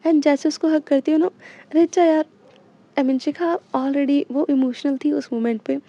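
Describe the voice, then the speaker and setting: A woman's voice: high voice, mellow, highs cut off. A woman telling a romance story in casual chat, full of English fillers. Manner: chatty, mixes in English fillers like "you know".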